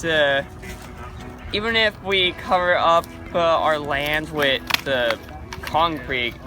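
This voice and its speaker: A man in a street interview, speaking haltingly with many fillers. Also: fairly high pitch, over music.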